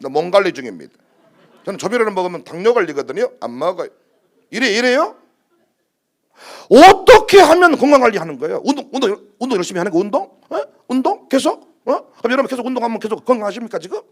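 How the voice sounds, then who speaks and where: Speaking quickly in a high-pitched voice, a male pastor delivers a sermon, animatedly telling stories and acting out the quotes.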